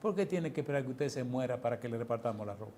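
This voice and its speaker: A middle-aged male pastor, telling stories in a lively, animated sermon full of exclamations and chuckles. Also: medium pitch, very fast, slight background noise. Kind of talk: storytelling sermon.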